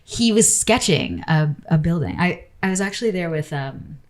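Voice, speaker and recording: A woman's voice: lowish voice, lively intonation, normal speed, darkish tone. A woman architect, a guest on an interview podcast, talking casually and rambling with lots of "like" and "you know".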